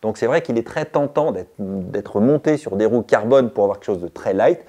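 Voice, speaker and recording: A man's voice: on the low side, lively intonation, moderate pace, dark tone. A man hosting a cycling channel, giving a chatty gear review and explaining step by step to his viewers.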